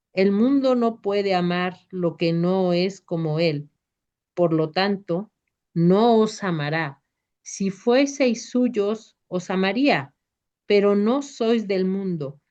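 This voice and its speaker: A woman voicing Jesus as a calm, merciful male teacher who instructs gently and solemnly in a devotional reading. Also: medium pitch, close to an everyday voice. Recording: dull lo-fi recording.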